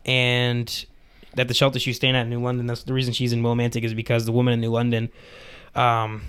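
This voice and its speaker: Smooth-voiced man rambling through a story. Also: medium pitch, completely flat delivery, fast talker, a bit bright. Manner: rambling, fills talk with "like". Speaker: podcast host. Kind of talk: casual storytelling chat.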